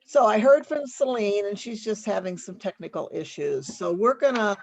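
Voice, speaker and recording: A woman's voice: medium pitch, animated, normal speed, gravelly, a little mellow. A woman instructor at a massage school, teaching over a video call in a conversational way with many fillers and restarts. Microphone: computer mic on a video call. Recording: dull lo-fi video call audio.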